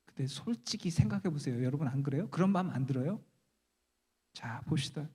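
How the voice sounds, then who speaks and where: Male guest lecturer, teaching in a chatty, humorous way and quizzing the crowd; a slightly high voice carrying through a reverberant chapel. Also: lively intonation, brisk, mellow, slightly rough. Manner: chatty, asks the audience questions, humorous. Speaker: guest lecturer at a church Bible conference. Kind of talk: conversational Bible lecture. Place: large church chapel.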